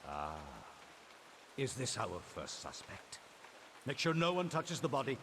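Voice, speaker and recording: Menacing game inquisitor: pompous, commanding, theatrical swings in pitch, over noisy rain-like ambience. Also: male voice, big pitch swings, a little slow, a bit bright. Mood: imperious, suspicious. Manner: pompous, archaic commanding speech. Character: stern, menacing male church inquisitor, imperious and suspicious. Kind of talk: video game voice acting.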